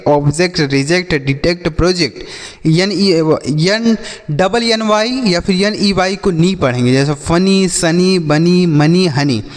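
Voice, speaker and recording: A man's voice: high voice, in a large hall. A man teaching children to read English words, spelling each one letter by letter and asking the class what it says. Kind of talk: classroom-style phonics lesson for children.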